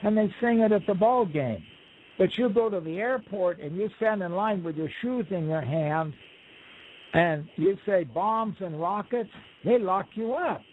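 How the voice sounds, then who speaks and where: A man with a slightly high voice spins folksy stories and jokes, slipping into little quoted voices. He is heard over a tinny phone line with a faint hiss behind him. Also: unhurried. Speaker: guest storyteller. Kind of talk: relaxed conversational storytelling.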